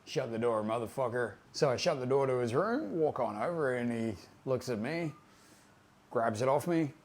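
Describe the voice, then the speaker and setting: A man in his fifties spins a loose, conversational yarn at an everyday mid pitch. His delivery is easygoing and salty, peppered with "you know" and "like" as he drifts between details. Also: expressive, moderate pace, darkish tone. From Australia. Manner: laid-back, profane, conversational with fillers. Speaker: tattoo artist storyteller. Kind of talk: casual anecdotal storytelling.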